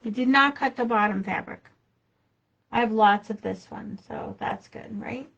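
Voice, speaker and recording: A woman's voice: on the high side, a little slow, gravelly, a bit bright, muffled recording. A woman hosting a live sewing demonstration, chatting casually to herself and viewers as she works. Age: adult with a child. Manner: chatty, talks to herself while working. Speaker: quilting shop host.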